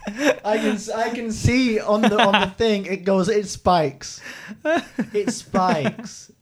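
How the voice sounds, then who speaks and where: A man's voice: sits high, steady tone, slow pace, slightly rough. A man bantering casually as a comedy podcast co-host, teasing and prodding.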